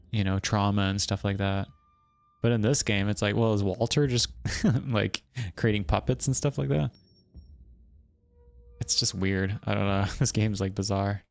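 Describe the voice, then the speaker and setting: A man's voice: on the low side, vocal fry, clean tone. A man streaming a horror game live, giving casual, rambling commentary full of fillers and chuckles.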